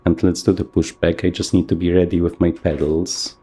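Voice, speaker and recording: A man casually talking through a flight simulator session, thinking aloud with plenty of fillers, his voice a little rough from the morning. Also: deep voice, little pitch movement, brisk, dark tone. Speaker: flight sim video host. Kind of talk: casual gameplay commentary.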